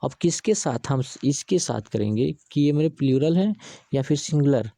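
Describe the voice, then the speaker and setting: A man's voice: mid-range voice, lively intonation, normal speed, vocal fry, warm tone, no echo. A man teaching English grammar, going through examples step by step and asking himself rhetorical questions.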